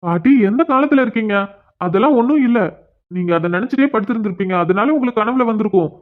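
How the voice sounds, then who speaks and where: A woman voicing a dismissive young man in a cartoon, in a deeper put-on voice. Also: expressive, fast, phone-quality sound, close to an everyday voice. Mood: mocking. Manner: mocking, dismissive.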